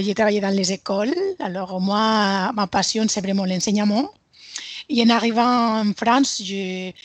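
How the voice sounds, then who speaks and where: A woman's voice: mid-range voice, no room sound. A woman from Spain with a Spanish accent, a guest on a podcast interview who talks with many fillers and restarts.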